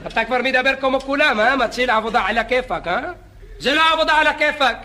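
A man playing a boastful, chatty beach lifeguard who rambles, jokes and yells at bathers in a comedy sketch. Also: extremely high pitch, a faint crowd, exaggerated voice. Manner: rambling, joking, shouting at bathers. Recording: live audience laughter and noise. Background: audience laughing.

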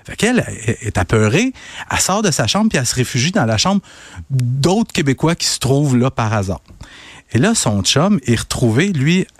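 A man with a Quebec French accent, a crime news columnist recounting a story in lively radio chat. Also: medium pitch, normal speed, no echo. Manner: animated, chatty storytelling.

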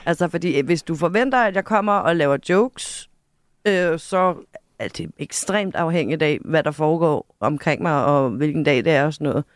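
A woman's voice: low voice, animated, no room sound. A woman guest in a casual studio conversation, talking hesitantly with many fillers and dry self-mockery. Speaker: podcast guest, journalist. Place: radio studio.

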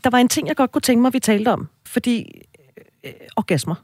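A woman hosting a radio talk show, asking questions in a relaxed, frank way. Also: fairly high pitch, slightly rough, dry recording, clean studio sound. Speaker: radio host. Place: radio studio.

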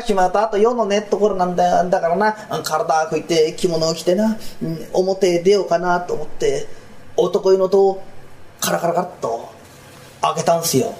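A man voicing Kuma, a bumbling, smitten Edo townsman who rambles sheepishly in rough street speech, in rakugo storytelling. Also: high-pitched, moderate pace, darkish tone, a little hiss or hum.

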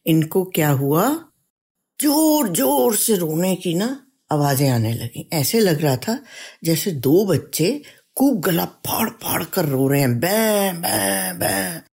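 A woman's voice: lowish voice, very animated, slow, breathy edge. A woman telling a children's story in a chatty way, often asking the listener questions. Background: soft guitar music.

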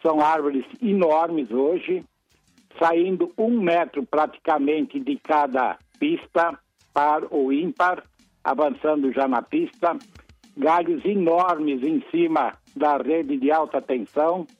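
Give me a man calling in over the phone with a complaint. The line is muffled and lo-fi, and it sounds dry, with no room around the voice. He keeps at his point even as he stumbles and starts over. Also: on the high side, no echo, faint music behind. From São Paulo, Brazil. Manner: insistent, halting, with many restarts. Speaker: caller. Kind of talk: call-in complaint.

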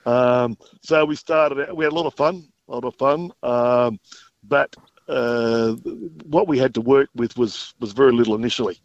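A man's voice: mid-range voice, normal speed, no room sound. A mature Australian man chats as a guest on a phone-in. His delivery is a laconic, unassuming drawl, matter-of-fact as he reminisces. The sound is dry and a little dull. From South Australia. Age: middle-aged or older. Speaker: retired footballer, interview guest. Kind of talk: casual interview reminiscence. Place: phone call into a radio show. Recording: slightly dull phone-in audio.

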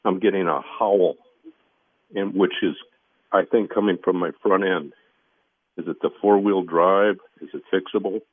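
A man calling in over the phone to a radio show, halting and correcting himself as he asks his question. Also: deep voice, steady tone, breathy edge, dry recording. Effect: heard over the phone. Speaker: caller. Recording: narrow phone-line sound.

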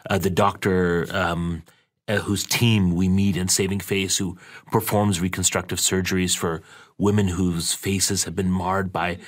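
A man's voice: sits low, level tone, measured pace. A man hosting an interview, asking admiring questions with frequent restarts. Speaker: interview host.

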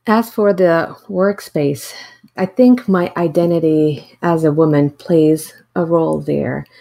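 A middle-aged woman from Syria speaks in a low, mellow voice. She answers interview questions slowly and thoughtfully, often pausing and restarting. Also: vocal fry. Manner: thoughtful, hesitant, many fillers and restarts. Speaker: associate teaching professor.

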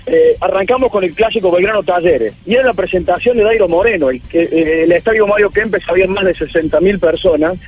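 Man, high voice, husky, Argentine Córdoba accent, effusive football commentator, dull lo-fi line, faint music behind. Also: brisk, hardly any pauses, darkish tone. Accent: Argentine, Córdoba region. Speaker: football commentator, interview guest. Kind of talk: live radio interview, conversational. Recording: muffled radio phone link, faint music.

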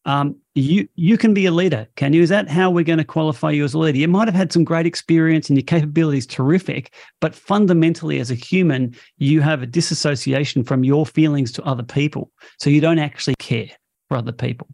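A man's voice: fairly high pitch, fast, vocal fry, a little mellow, no room sound, clean studio sound. A man being interviewed about leadership and culture, speaking bluntly and frankly. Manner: blunt and outspoken. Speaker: interview guest, company CEO. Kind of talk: interview answers.

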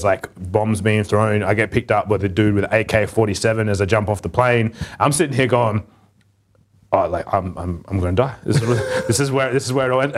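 Fast-talking man telling stories. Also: lowish voice. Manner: rapid, animated storytelling with quoted asides. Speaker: podcast guest, agency founder. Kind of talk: casual storytelling interview.

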